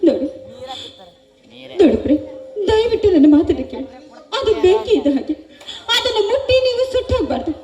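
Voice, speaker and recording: A guilt-stricken young woman, played by a woman, pleads in melodramatic stage style. Her very high voice swoops widely from line to line. The recording is echoey, with music behind. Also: big pitch swings, brisk, pauses often, dark tone. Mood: pleading. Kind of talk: stage drama acting.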